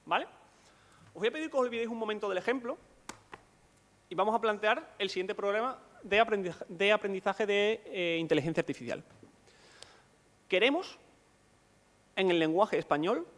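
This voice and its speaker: A man's voice: sits high, a bit bright, long reverb tail. A man giving a conference lecture, explaining step by step and often checking in with rhetorical questions.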